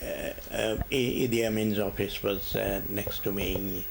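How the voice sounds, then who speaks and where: An older retired man born in India answers oral history questions haltingly, with many pauses and fillers. His fairly low, creaky voice shows little pitch movement, and there's background noise.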